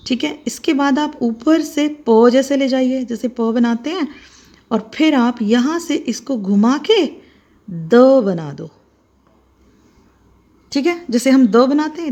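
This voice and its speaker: Slow, patient woman teaching letters. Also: high-pitched, a little mellow. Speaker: Hindi teacher. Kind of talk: handwriting lesson for children.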